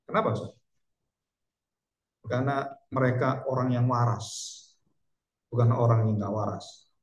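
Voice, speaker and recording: A man's voice: mid-range voice, darkish tone, reverberant. A male pastor preaching a sermon emphatically, asking rhetorical questions and speaking straight to the congregation.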